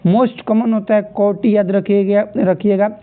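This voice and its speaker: A man's voice: high voice, steady tone, normal speed, clean tone. A man going through nursing exam questions as a tutor, repeating key terms and telling students to remember them. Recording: tinny phone-like audio.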